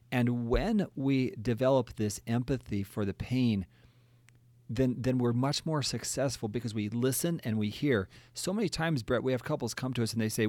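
A man's voice: medium pitch, no room sound. A man who is a therapist, speaking in an earnest, reflective way about listening and empathy. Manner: soft-spoken, earnest and reflective. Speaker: therapist and co-host. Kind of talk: reflective conversation.

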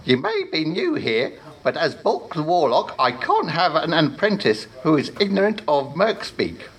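A man's voice: on the high side, huge pitch swings, normal speed, breathy edge, pitched above the performer's own voice, full character voice. A man doing a pompous reptilian warlock. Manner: stern, self-important.

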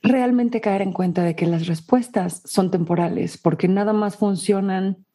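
A woman's voice: mid-range voice, a little slow, dark tone. A woman, co-hosting a reflective conversation in a musing, casual way. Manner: musing, often ending phrases with a questioning "¿no?". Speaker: podcast co-host.

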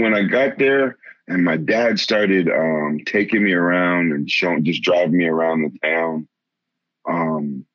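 A man from the area, telling a story in casual conversation, halting with many restarts and laughing now and then. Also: sits low, no room sound. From Boston area, Massachusetts. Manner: laughs while telling stories. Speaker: interviewee. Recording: dull lo-fi sound.

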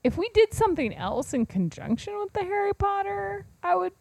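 A woman's voice: extremely high pitch, very animated, moderate pace, gravelly, a little mellow, dry recording. A woman in her forties chatting casually on a podcast, blunt and sweary. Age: 40s. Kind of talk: casual chat.

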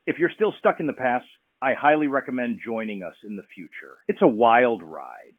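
A sarcastic male clone, voiced by a man, leaves an answering machine message over a landline phone. His husky voice rides up and down a wide pitch range. The sound is narrow and tinny, like a cheap phone line. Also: animated, normal speed, dry recording. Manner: sarcastic, nostalgic. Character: sarcastic male clone, out of touch with the modern world.

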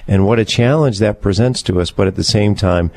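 A man hosting a radio interview in a studio, talking in a measured way with many fillers. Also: lowish voice, darkish tone, no room sound. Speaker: radio show host.

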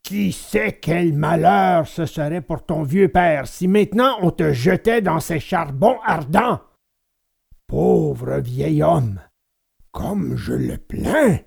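A man voicing a gruff bearded male puppet master with a hollow, gravelly voice, barking orders though soft at heart. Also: high-pitched, measured pace, hardly any pauses, heavily acted. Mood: pitying. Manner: barks orders, then softens.

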